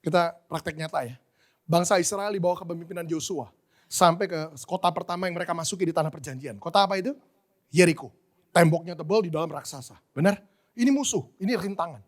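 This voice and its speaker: Brief: male preacher in his 40s, high-pitched, emphatic and rhetorical, drops in English. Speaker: guest preacher. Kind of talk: sermon.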